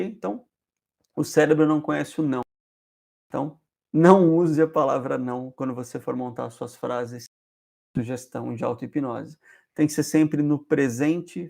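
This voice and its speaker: A man's voice: a little high, creaky, mellow. A man, a hypnotherapist hosting a casual spoken lesson, explaining with repeated example phrases and often checking in with the listener. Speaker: hypnotherapist host.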